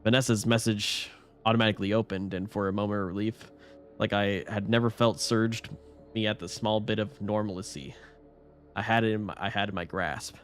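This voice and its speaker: A man reads a horror story aloud on his live stream in a low voice. He keeps a casual tone and often trips over words and restarts his lines. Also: steady tone, normal speed, a bit bright, soft background music. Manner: casual reading with frequent stumbles and restarts.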